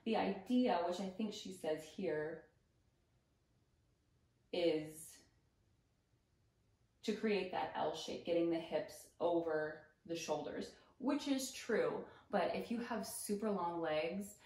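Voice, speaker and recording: A woman yoga instructor giving casual, explanatory commentary with gentle cautions. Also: on the low side, slow, pauses often, roomy sound, rough recording. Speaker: yoga instructor reacting to videos.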